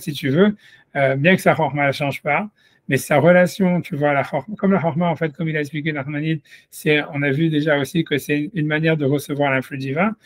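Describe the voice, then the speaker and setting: Man teaching, higher voice, dry. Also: no room sound. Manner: rambling, many fillers and restarts, tutoyant the listener. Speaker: rabbi teaching a class. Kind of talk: informal Torah lesson.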